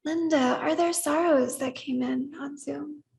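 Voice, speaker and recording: Lady leading a service in a sanctuary, slow and gentle, calls for the room to echo her. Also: sits high, fairly even intonation, creaky. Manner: gentle, inviting, leads call-and-response. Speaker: service leader. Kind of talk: leading a congregation in worship. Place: church sanctuary.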